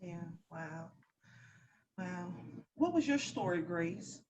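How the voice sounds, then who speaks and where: A woman's voice: fairly low pitch, expressive, slow pace, darkish tone, a little hiss or hum. Woman hosting a discussion panel. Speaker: podcast host.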